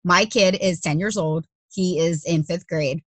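A woman's voice: lowish voice, measured pace, dry recording, poor audio. A woman in her thirties talking casually, blunt and emphatic, with frequent swearing. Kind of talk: casual conversation.

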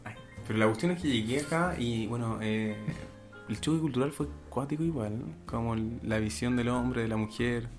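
A man's voice: mid-range voice, moderate pace, faint music behind. Rambling young Chilean man, casual chat. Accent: Chilean Spanish. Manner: rambling, searches for words, lots of fillers. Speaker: podcast co-host.

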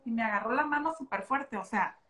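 A woman with a Mexican accent talks casually on a podcast about motherhood. Her voice sits a little high, and she tells stories in an animated, expressive way full of slang. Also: brisk. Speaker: podcast co-host.

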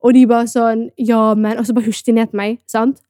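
A young woman with a Bergen Norwegian accent, co-hosting a podcast and telling stories in animated, casual chat with English words mixed in. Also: fairly high pitch, dry recording, clean studio sound. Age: young adult. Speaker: podcast co-host.

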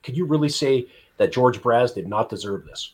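A man hosting a casual sports podcast, talking in an animated, enthusiastic way. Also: medium pitch, normal speed, slightly rough. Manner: animated, enthusiastic, uses filler phrases. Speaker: podcast host.

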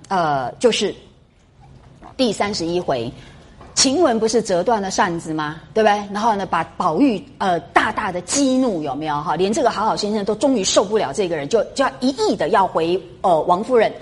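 A woman lecturing on a classic novel, animated and often asking her listeners questions as she retells scenes. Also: medium pitch, brisk, slightly rough. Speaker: literature lecturer.

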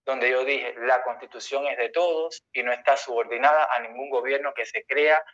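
A man's voice: mid-range voice, fairly even intonation, normal speed, a bit bright. A man organizing a summit who defends himself in a heated live discussion, insistent and repeating himself when interrupted. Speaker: summit organizer speaking on a call-in talk stream. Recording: lo-fi stream audio.

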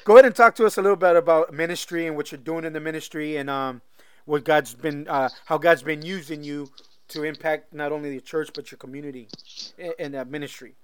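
Smooth-voiced male podcast host. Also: fairly high pitch, fairly even intonation, brisk, fairly bright tone, no room sound. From Southern California. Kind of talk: casual interview podcast.

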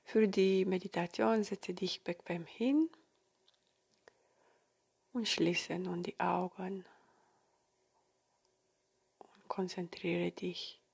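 Slow, soft half-whispering woman guiding meditation. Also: on the low side, creaky, husky. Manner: soothing, gentle instructions with long pauses. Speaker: meditation guide.

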